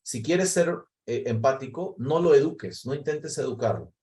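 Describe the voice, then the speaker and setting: A man's voice: medium pitch, animated, normal speed, mellow. Guy teaching a workshop session, explains step by step, keeps tagging stuff with a little question. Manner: explanatory, often tags phrases with ¿no?; acts out example replies in quoted voices. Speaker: workshop facilitator. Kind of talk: recorded training session.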